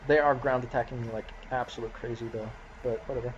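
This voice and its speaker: A man's voice: mid-range voice, steady tone, quick pace, highs cut off, a little hiss or hum. Casual male strategy game commentator. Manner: casual, chuckling, talks to game units. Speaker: gameplay commentator.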